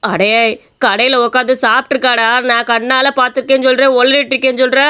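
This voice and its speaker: A woman's voice: sits high, little pitch movement, fast, bright, forceful tone, clear, resonant tone. A woman voicing an older mother-in-law who frets and fusses over her daughter-in-law. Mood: worried. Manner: fretful, fussing. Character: worried older mother-in-law, fretful and caring.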